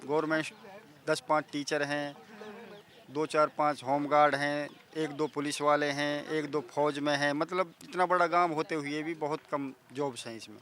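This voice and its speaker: A man, a villager answering a reporter outdoors in a measured, articulate way. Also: fairly high pitch, flat delivery, a bit bright. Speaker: villager interviewee. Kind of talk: interview answers.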